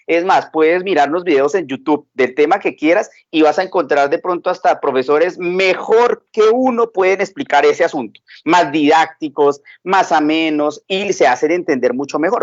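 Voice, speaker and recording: A man giving a reflective talk on education, animated and fond of telling stories. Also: on the high side, no echo, highs cut off. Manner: animated, storytelling. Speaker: education speaker. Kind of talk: reflective talk with acted anecdotes.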